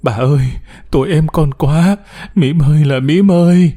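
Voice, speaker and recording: Guy doing a young mom sobbing and begging, voice pushed up high, audiobook. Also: lively intonation, a little fast. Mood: wailing. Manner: sobbing, pleading, high and loud. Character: distraught young mother, woman, wailing in grief.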